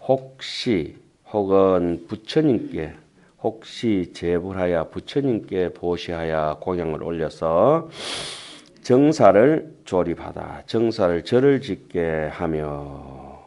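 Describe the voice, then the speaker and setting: A middle-aged male Buddhist monk with a Gyeongsang accent, lecturing on a sutra to lay Buddhists. He reads the text slowly and deliberately, then drops into quick, chatty asides to the audience. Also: low-pitched, a little mellow. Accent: Gyeongsang dialect. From Gyeongsang region of Korea. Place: temple lecture hall with an audience.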